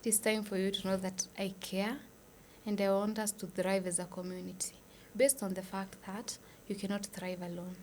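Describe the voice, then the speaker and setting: Kenyan woman guest, soft earnest delivery. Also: mid-range voice, flat delivery, slight background noise. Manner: earnest, measured, often dropping to a breathy near-whisper. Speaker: guest, nurse and foundation founder. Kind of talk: podcast interview.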